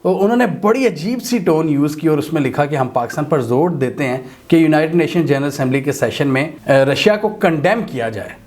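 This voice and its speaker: A male commentator talks through current events unscripted, with a voice pitched somewhat high for a man. He speaks conversationally and shares his own opinions, often restarting his sentences as he goes. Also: lively intonation, brisk, hardly any pauses, a little mellow.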